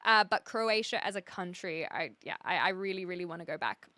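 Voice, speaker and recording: A woman's voice: on the low side, expressive, a little fast, bright, forceful tone, no echo. A woman with a mixed New Zealand and British accent, chatting casually and cheekily with viewers as a live streamer. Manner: chatty, cheeky, reacts to chat messages. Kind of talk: casual livestream chat with viewers.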